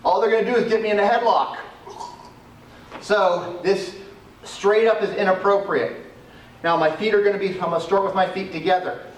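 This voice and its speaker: A man's voice: high-pitched, normal speed, long pauses, slight background noise. Man explaining self-defense moves from afar. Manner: step-by-step explaining while demonstrating. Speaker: martial arts instructor. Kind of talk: demonstrating self-defense techniques. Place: outdoors on a cement area. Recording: echoey, distant camera audio.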